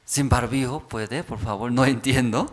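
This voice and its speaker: A man pastor preaching a sermon in halting, simple phrases, often checking with the congregation through rhetorical questions. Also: medium pitch, steady tone.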